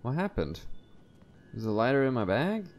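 A man's voice: very animated, normal speed. A young man giving casual, playful playthrough commentary, repeating words in a sing-song way. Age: young adult. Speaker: gaming video host. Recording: faint noise with low rumble.

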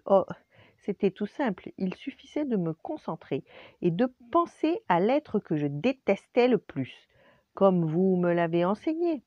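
A woman voicing a little boy ghost who hoots and wails in a high, drawn-out voice, with a dull lo-fi sound. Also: very animated, no echo. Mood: pleased. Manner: high wailing ghostly hooting. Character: little boy ghost, sulky, then vengeful.

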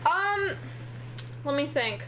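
A woman's voice: sits high, animated, takes it slowly, pushed and bright, a little hiss or hum. A young woman streamer chatting on a dating show in a laid-back, hesitant way, with many fillers. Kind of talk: casual stream chat. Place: gaming room at home.

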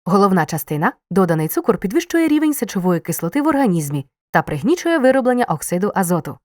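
A woman reading a scripted grammar lesson, explaining clearly and stressing key words. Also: medium pitch, sing-song, fast, no echo, clean studio sound. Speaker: teacher.

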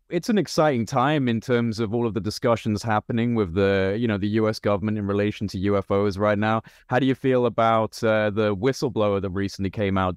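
Young male podcast host, relaxed and friendly, low smooth voice, dry studio-mic sound. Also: dry recording. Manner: friendly, relaxed, hedging fillers. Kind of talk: casual interview. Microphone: studio mic on video call.

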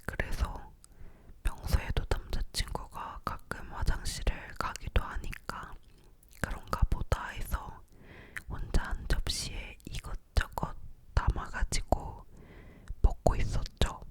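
A young woman leaning in close to the microphone to whisper, giving a breathy, unvoiced ASMR chat about her life. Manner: slowly repeats words as soft trigger sounds. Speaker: ASMR video creator.

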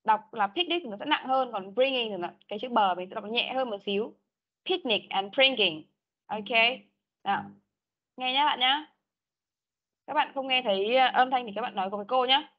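Speaking briskly in a fairly high register, this woman runs an English lesson online, going over prompts again and fixing how words are pronounced with patience. The sound comes through a video call with a muffled, low-fidelity quality.

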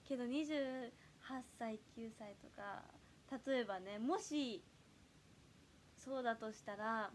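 A woman in her early twenties hosting a casual livestream, chatting and reading fan comments aloud, her voice flipping upward when she gets loud. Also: fairly high pitch, slow, a little hiss or hum. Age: early 20s. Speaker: idol livestream host.

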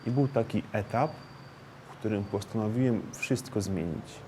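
A man telling his own story slowly and deliberately in a documentary interview. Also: lowish voice, background noise.

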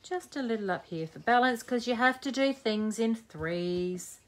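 A craft video host in her forties chats and jokes through a live demo, thinking aloud while she works. Her voice is fairly high and animated at a measured pace, with a little hiss or hum in the audio.

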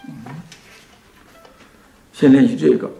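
A man teaching violin, speaking slowly and patiently to a student, his sentences trailing off softly. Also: over loud music. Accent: Mandarin Chinese. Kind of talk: explaining to a student in a lesson. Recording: echoey room with violin playing.

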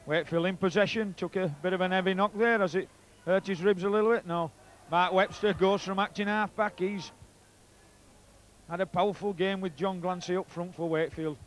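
A man's voice: sits high, steady tone, fairly quick. A middle-aged man with a Yorkshire accent giving live rugby league match commentary. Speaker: co-commentator, former player. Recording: outdoor match noise behind commentary. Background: stadium ambience and crowd.

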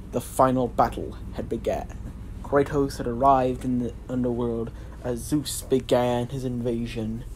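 A man's voice: medium pitch, darkish tone. A man narrating a homemade fantasy adventure story as its storyteller. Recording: noisy homemade recording.

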